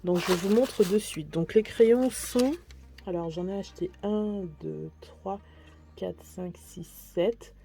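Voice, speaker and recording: A woman's voice: medium pitch, slow pace, creaky, warm tone. A woman vlogger chatting casually through a shopping haul, gushing about each purchase. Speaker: beauty and lifestyle vlogger.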